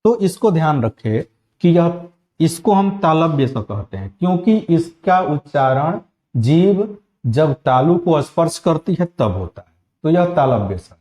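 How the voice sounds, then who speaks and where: A man giving a spoken grammar lesson, slowly and methodically spelling out sounds one at a time. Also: fairly high pitch, sing-song, warm tone. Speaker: Hindi teacher.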